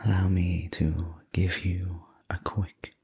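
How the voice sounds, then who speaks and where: A man whispering slowly and soothingly as a sleep story narrator, in a whispered role-play as a courteous head servant with a breathy voice. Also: low voice, little pitch movement, warm tone. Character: courteous male head servant guiding a manor tour.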